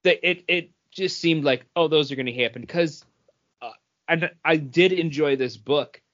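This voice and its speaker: A man co-hosting a podcast has a slightly high, somewhat bright voice and a moderate pace. He drifts through a relaxed comic book review, repeating bits of phrasing as he gathers his thoughts, all in dull lo-fi podcast audio.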